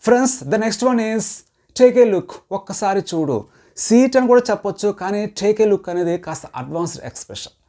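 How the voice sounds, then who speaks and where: A man teaching spoken English, saying each short phrase slowly and clearly, then explaining it in a quicker flow. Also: high-pitched, expressive, dark tone.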